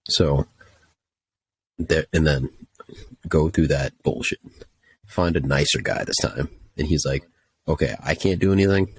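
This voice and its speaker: A man's voice: very deep voice, unhurried, long pauses, breathy edge, no echo. A young man telling a story casually, ranting in an exasperated, profane way. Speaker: podcast host telling a story.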